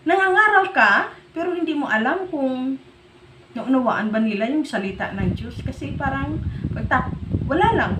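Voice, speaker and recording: A woman's voice: high-pitched, fairly bright tone, reverberant, slight background noise. A woman pastor giving an earnest sermon, mixing in English phrases.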